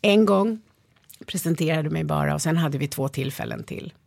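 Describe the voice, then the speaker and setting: A woman in an interview, a leadership developer telling her stories in a lively, animated way. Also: low-pitched, gravelly, no room sound. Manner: lively storyteller, animated retellings. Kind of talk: interview conversation.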